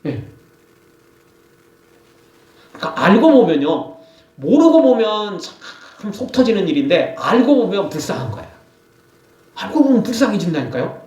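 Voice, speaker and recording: Man preaching in a church, high lively voice, roomy sound from a distance. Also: normal speed, lo-fi sound. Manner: animated preaching, acts out scolding quotes. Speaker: pastor. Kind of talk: sermon.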